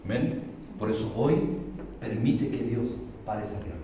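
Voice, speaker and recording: Brief: middle-aged Chilean pastor, fervent sermon, booming then hushed, recorded from afar in a very echoey church hall. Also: male voice, normal speed. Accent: Chilean Spanish. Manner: impassioned preaching that swings between loud emphatic peaks and low confiding testimony. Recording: echoey church hall, mic far off, faint noise.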